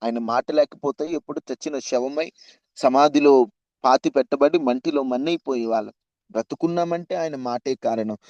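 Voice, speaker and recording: A man's voice: medium pitch, normal speed, a little mellow, no room sound, lo-fi sound. A man preaching an impassioned sermon to an online youth meeting, pleading and repeating questions to his listeners.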